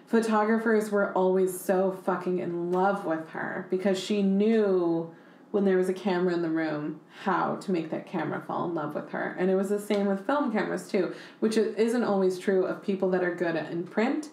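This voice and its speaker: A young woman podcast host chatting casually, animated and swearing freely, with "like" in nearly every sentence. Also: lowish voice, moderate pace. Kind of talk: casual chat. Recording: roomy echo.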